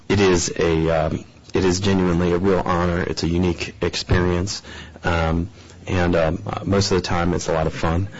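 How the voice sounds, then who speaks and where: Deep husky man, halting speech. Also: dull audio. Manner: halting, many ums and uhs. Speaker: mayor. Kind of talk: formal thank-you speech. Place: town board meeting room.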